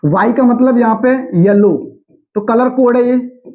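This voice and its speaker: A young adult male teacher gives a classroom lecture in a high voice. He asks each point back to the students as a question and chants the memory aids slowly. The recording sounds dull and lo-fi. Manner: slow sing-song chanting of mnemonics.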